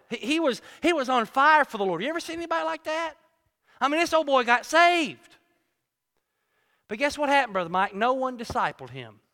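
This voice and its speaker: A man preaches in a church sanctuary, telling a homespun story that moves from loud emphatic lines to hushed ones. His voice is high and smooth, with a clear, resonant tone. The sound carries a long reverb from the hall. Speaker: pastor. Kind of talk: sermon.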